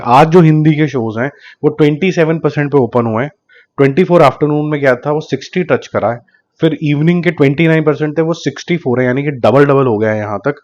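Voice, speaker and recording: Hoarse man slowly walking through numbers. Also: medium pitch, a little mellow. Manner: deliberately slow, careful delivery of figures; mixes English terms and phrases into his talk. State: sore throat, slightly hoarse. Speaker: box office analyst YouTuber. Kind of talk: casual analytic commentary. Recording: slightly dull lo-fi recording.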